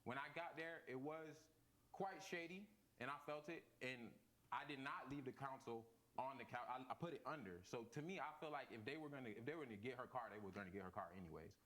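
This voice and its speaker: A man's voice: medium pitch, fairly quick, a bit bright. A young man from Miami, a defendant on a TV court show, explaining himself in a stammering, defensive way.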